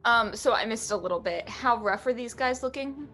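A woman's voice: a little high, moderate pace, fairly bright tone, faint music behind. A woman playing a tabletop game, unsure of her spells, apologetic and giggly. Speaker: player. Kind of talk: casual tabletop play.

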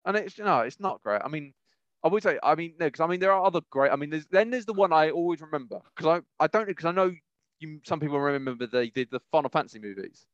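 Speaking quickly in an expressive, somewhat high voice, a man hosts a podcast full of casual, opinionated talk about movies. He rambles emphatically and repeats himself often, and the dull audio has no room sound.

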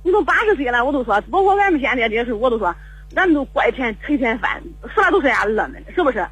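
A woman's voice: sits high, very animated, fast talker, a bit bright, slightly rough, no room sound, dull audio. An older woman calling in to a radio show, telling a long story in a rambling, repetitive way with stammering restarts. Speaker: caller. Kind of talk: call-in radio chat. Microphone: phone call.

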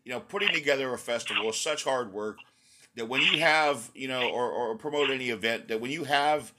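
A man's voice: mid-range voice, fairly quick. Scratchy-voiced male podcast host. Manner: rambling, many restarts, laughs easily. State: voice scratchy from recent laryngitis. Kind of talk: casual interview chat.

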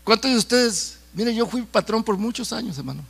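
Middle-aged male preacher from Mexico, high bright voice, chatty sermon style. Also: lively intonation, fairly quick, gravelly, breathy edge. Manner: conversational, with asides and jokes to the congregation.

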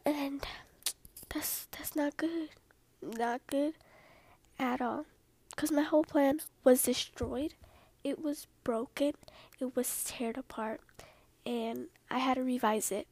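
A woman with a high voice tells a story in whispered storytelling style, hushed and soft. She goes slowly, drifting into rambling little asides, and the sound is close and completely dry. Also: dry recording. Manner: slow, hushed delivery.

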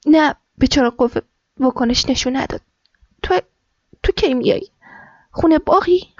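A woman's voice: high voice, no echo, voice pushed up, natural voice. A woman voicing an anxious young wife who talks in a worried, pleading way, as a storyteller reads her part. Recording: dull lo-fi with soft music.

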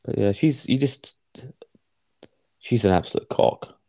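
Young guy, low mellow voice, rambling casual chatter with lots of swearing. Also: creaky, dry recording. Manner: rambling, halting, swears a lot. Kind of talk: casual chat.

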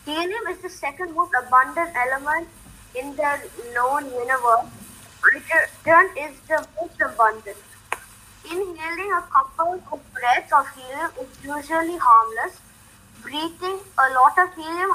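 A woman with a high, bright voice hosts an educational science series for children. She reads scripted explanations aloud with care, setting out each point as a lesson. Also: moderate pace, low-quality recording.

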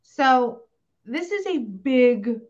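A woman hosting a podcast in casual chat, talking in a chatty, animated way with many fillers. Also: high voice, very slow. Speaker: podcast host. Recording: slightly dull podcast audio.

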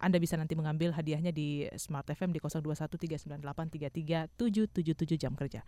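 Woman, radio host, quick pace, dry studio sound. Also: low-pitched, fairly even intonation, dark tone, dry recording. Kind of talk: radio show hosting.

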